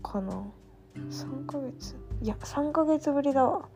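A young woman talks in a loose late-night monologue, slipping into rants and teasing herself. Her voice sits a little high with a gravelly, creaky edge. Soft music plays faintly behind her. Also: expressive, a little slow. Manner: chatty, ranting, self-mocking. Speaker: vlogger.

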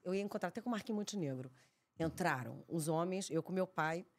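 A woman, a podcast guest telling a story in an animated, emphatic way, often repeating herself. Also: lowish voice, fast talker. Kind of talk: casual chat, storytelling.

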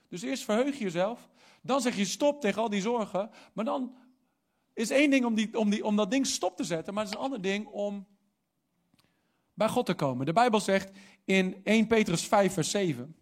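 A man's voice: high voice, normal speed. A young man preaching a sermon, telling a story and then building to emphatic calls, with English phrases slipped in. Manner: animated, rising to emphatic preaching; mixes English phrases into talk. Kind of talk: sermon with personal anecdote.

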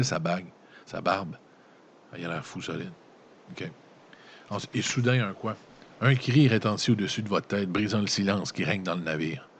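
Very deep-voiced Quebec French man reading a gamebook. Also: fairly bright tone, a little hiss or hum. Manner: breaks off narration with joking, slangy asides. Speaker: gamebook reader and player. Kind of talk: reading a gamebook aloud with casual commentary.

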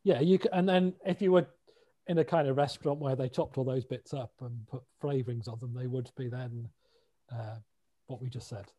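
A man's voice: medium pitch, steady tone, a little fast, dark tone. A man with a British accent chatting casually, dry and matter-of-fact, often trailing off mid-sentence. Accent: British English. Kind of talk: casual chat.

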